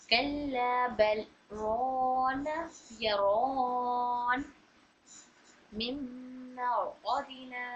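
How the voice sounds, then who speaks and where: A woman's voice: on the high side, bright, forceful tone, a little hiss or hum, low-quality recording. A woman teaching an online recitation lesson, patiently explaining and repeating each rule.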